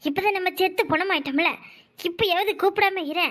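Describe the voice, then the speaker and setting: A woman's voice: extremely high pitch, fairly quick, a bit bright. A woman voicing a scheming old village mother who plays dead and grumbles and nags through a cartoon comedy. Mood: grumbling. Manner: grumbling, nagging. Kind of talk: cartoon voice acting.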